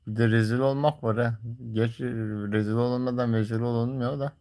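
A man's voice: medium pitch, steady tone, brisk, dark tone. A man livestreaming, talking casually and colloquially to viewers in a grumbling, teasing way. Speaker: live streamer.

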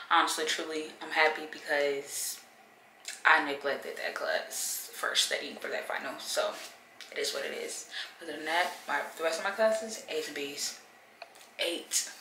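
A woman in her twenties with a stuffy nose vlogs from her bedroom, rambling casually with lots of fillers to a phone camera held at arm's length. Her voice is low-pitched, steady and sharp, at a measured pace. The rough recording is reverberant with a bit of hiss or hum.

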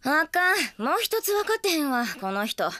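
A woman's voice: high voice, sing-song, normal speed, sharp tone, dry recording, studio quality, heavily acted. A woman voicing a brash, hot-tempered teenage girl with an Osaka accent in an anime comedy. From Osaka, Japan.

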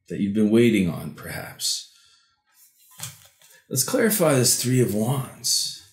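A man giving an improvised mystical horoscope reading as a tarot reader, halting and repeating words as he interprets. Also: mid-range voice, darkish tone. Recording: roomy echo.

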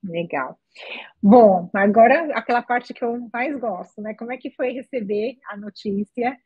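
A Brazilian woman hosting an interview over a video call, explaining things in an upbeat way. Her voice is fairly high and husky, with a dull, dry sound. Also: a little slow, no room sound. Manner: explanatory, upbeat, short backchannels. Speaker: interviewer for an immigration firm.

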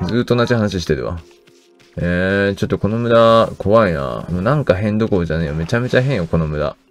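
Brief: male game streamer, low voice, relaxed joking commentary. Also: quick pace, faint music behind.

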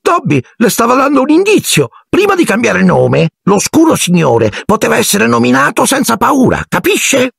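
A man voicing an excitable little male house-elf in an audiobook, shrill and squeaky, shrieking and speaking of himself by name. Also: moderate pace, creaky, hardly any pauses, breathy edge, dry recording, studio quality, heavily acted. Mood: earnest. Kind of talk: audiobook character voice.

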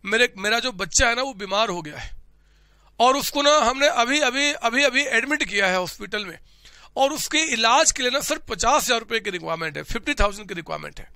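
A man's voice: extremely high pitch, lively intonation, fairly quick, bright, forceful tone, dry recording, clean studio sound, heavily acted. A male teacher voicing a pleading employee who begs his boss for money, in an urgent tone.

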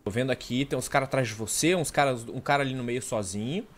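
A man with a Brazilian accent playing a multiplayer game with a friend, excitedly shouting warnings and cheering him on. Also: mid-range voice, quick pace. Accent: Brazilian Portuguese. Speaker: gameplay co-player. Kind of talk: excited gaming chat.

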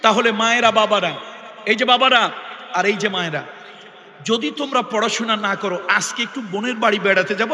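A man's voice: extremely high pitch, bright, forceful tone. A man preaching an Islamic sermon, emphatic, repeating phrases and putting questions to his listeners. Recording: echoey hall.

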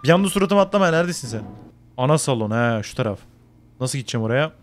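A man giving excited gameplay commentary, loud and joking, swearing and talking back at the screen. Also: fairly high pitch, racing, slight background noise. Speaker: gamer.

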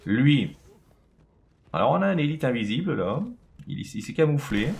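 A man's voice: mid-range voice, sing-song, moderate pace, gravelly, a little hiss or hum. A man casually commenting on his own video game play, chatting to himself and to the enemies on screen.

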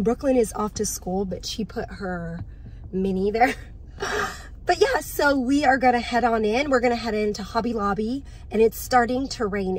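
A woman in her thirties from Southern California, chatting upbeat in a casual shop-with-me vlog, filmed on a phone at arm's length in a parked car. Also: a little high. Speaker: home decor vlogger and mom. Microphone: phone held at arm's length.

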